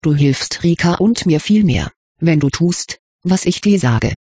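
A reader voicing a brusque, hurried young male wizard with a sarcastic, impatient way of talking, in an audiobook. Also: mid-range voice, animated, darkish tone, slightly rough, dry recording. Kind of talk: audiobook character reading.

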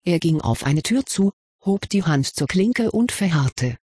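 A narrator reading a fantasy story aloud at a steady, even pace. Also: mid-range voice, a little slow, husky, no echo, clean studio sound. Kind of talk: audiobook narration of fan fiction.

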